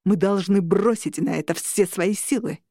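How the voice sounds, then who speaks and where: A scheming male vampire lord pushes his case hard and shouts back when crossed, as a woman reading a story voices him. The recording is dry and close. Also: mid-range voice, normal speed, dry recording, lightly acted. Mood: insistent. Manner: insistent, shouting.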